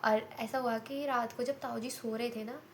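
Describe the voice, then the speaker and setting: A woman's voice: a little high, fairly even intonation, normal speed, slight background noise. Chatty young woman telling a story. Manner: chatty, repeats herself, many fillers. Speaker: vlogger. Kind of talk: casual storytelling.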